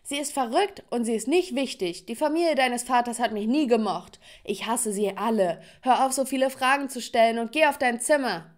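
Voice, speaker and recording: A woman voicing an angry, controlling mother who shouts orders in an animated story. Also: on the high side, moderate pace, hardly any pauses, lightly acted. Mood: furious.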